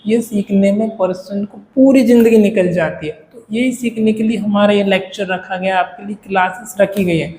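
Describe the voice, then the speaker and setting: Recorded in an echoey room with faint ambience and slight background noise, a man lectures at normal speed with hardly any pauses. His voice sits high with a darkish tone. He explains step by step in Hinglish, checking in with the class and often saying "है ना".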